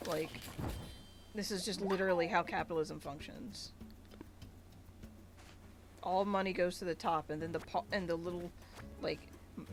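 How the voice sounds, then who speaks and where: With a fairly low, vocal-fry voice, a woman streams a game and chats casually. She rambles and rants, packing her talk with filler words, especially "like."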